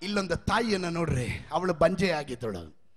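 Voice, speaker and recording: A man preaching a sermon as pastor, chanting and shouting his lines with sung rises. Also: a little high, sing-song, moderate pace, husky, long reverb tail. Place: church hall.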